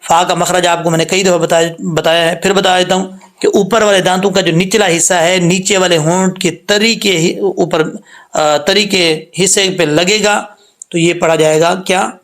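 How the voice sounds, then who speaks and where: A man teaching the rules of Quran recitation, patiently explaining letter sounds and repeating points, with slow drawn-out demonstrations of each sound. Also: high voice, fairly even intonation, a bit bright.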